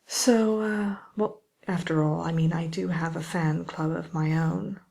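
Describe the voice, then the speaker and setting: A woman acts out a vain fairy-tale wicked witch hosting her own ASMR chat show. The voice is fairly low for a woman, husky and full of creak. She drawls with smug, condescending grandeur. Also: fairly even intonation, measured pace, dark tone, heavily acted. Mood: haughty. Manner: haughty, drawling, self-satisfied.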